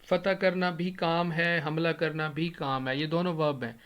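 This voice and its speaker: A man gives an English grammar lesson over a screen recording. His voice sits fairly high, and he asks the class questions and answers them himself. He slows right down to spell out each English example, and keyboard typing can be heard behind him. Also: flat delivery, a bit bright. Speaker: English teacher.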